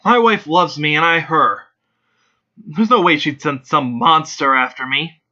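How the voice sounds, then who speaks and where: A man's voice: on the high side, unhurried, bright, forceful tone, muffled recording, pitched above the performer's own voice. A man playing an angry, scared middle-aged father who speaks defiantly.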